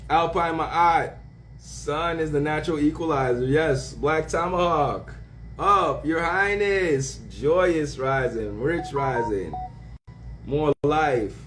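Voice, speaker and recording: Unhurried man shouting out livestream viewers. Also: on the high side, noisy background. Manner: greets viewers by name with slang shout-outs; laughs often, drawn-out words. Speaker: livestream host. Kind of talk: casual livestream chat.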